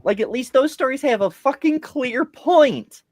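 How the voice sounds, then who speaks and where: A man's voice: very high-pitched, expressive, a little slow, a little mellow, dry recording. A man co-hosting a casual podcast chat, rambling and profane as he tells a fable. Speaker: podcast co-host.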